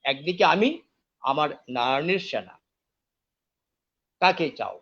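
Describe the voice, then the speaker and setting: A man voicing a calm, affectionate divine lord in a retold epic, explaining patiently. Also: on the high side, takes it slowly, highs cut off, exaggerated voice. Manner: explaining, persuasive.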